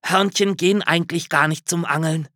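A man doing an excited little squirrel. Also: a little high, fairly quick, dry recording, studio quality, pitched above the performer's own voice. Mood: curious. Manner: excitable, bright questioning. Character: curious eager little male squirrel. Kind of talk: children's storybook reading.

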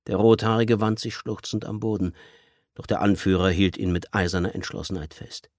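A man narrating a tense audiobook with expressive storytelling. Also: low-pitched, normal speed, no room sound, clean studio sound. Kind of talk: audiobook reading.

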